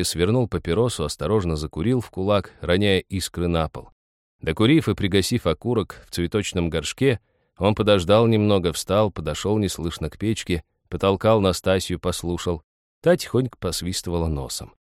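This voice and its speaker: A man narrates a story in a calm, measured audiobook reading. His voice sits very low, and the recording is dry and close. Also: no room sound.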